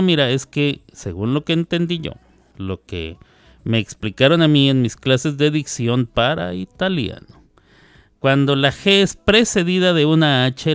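A Mexican man in his fifties hosts a radio show from the studio, chatting casually in a rambling, playful way and correcting himself as he goes off on tangents. His voice is a little high, a bit bright and smooth, with no echo.

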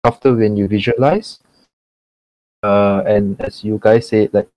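A man's voice: lowish voice, fairly even intonation, a little slow, dry recording, highs cut off. A man with a Malaysian accent chatting and explaining casually in slangy Malaysian English mixed with Malay. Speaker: podcast guest, mental performance coach for gamers.

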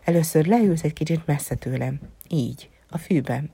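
Woman doing a male fox, gentle, lonely, wise, low breathy voice, half-whispered, storybook reading. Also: dry recording, heavily acted. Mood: musing. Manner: soft, musing, often dropping to a whisper.

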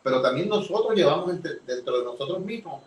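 A man with a Puerto Rican accent, an archaeologist guest, explaining in a measured, lecturing way during a conversational interview. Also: on the high side, lively intonation. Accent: Puerto Rican Spanish. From Puerto Rico. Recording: roomy, distant mic with faint noise.

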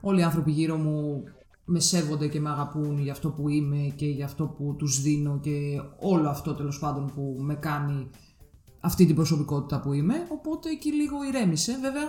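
A woman in her thirties telling a personal story in casual podcast chat, candid and animated when she quotes others. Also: sits low, echoey room, soft background music. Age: 30s.

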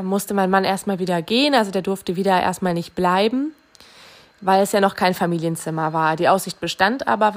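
A young woman, a new mother, telling her birth story in a casual vlog, emotional and often dropping to a soft hush. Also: mid-range voice.

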